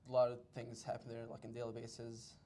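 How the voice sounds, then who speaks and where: A young man from Palestine, speaking casually as an interview guest in a gravelly, flat, dark voice. A faint rumble hums underneath. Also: quick pace. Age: young adult. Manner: casual, lots of 'like'. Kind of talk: interview answers.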